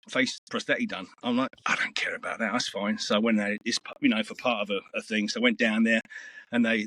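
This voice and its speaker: A man's voice: mid-range voice, pushed and bright, no echo. A middle-aged man, telling stories in a rambling, earthy way as an interview guest. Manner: rambling, earthy storytelling with swearing. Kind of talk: casual interview chat.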